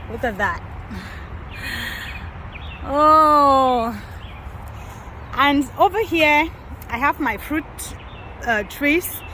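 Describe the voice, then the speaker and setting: Woman from Cameroon, gardening vlogger, high-ish voice, chatty tour, wind and traffic noise outside. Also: bright, forceful tone, rough recording. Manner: chatty, addresses viewers as guys. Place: outdoor garden, windy.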